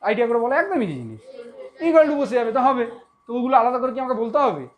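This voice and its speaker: A woman's voice: fairly high pitch, big pitch swings, racing. A woman teaching a math lesson, who repeats her points and keeps asking if she was understood. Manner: repetitive, keeps checking understanding.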